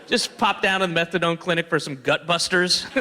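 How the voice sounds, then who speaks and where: A man's voice: fairly high pitch, big-room sound, noisy background. A man doing a rambling stand-up comedy set, slipping in and out of mocking voices.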